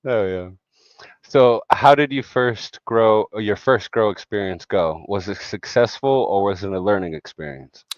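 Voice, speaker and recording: Male host, casual podcast chat, energetic and slangy, dry close sound. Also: lowish voice, a little slow, no echo, muffled recording. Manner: hyped, slangy, swears freely.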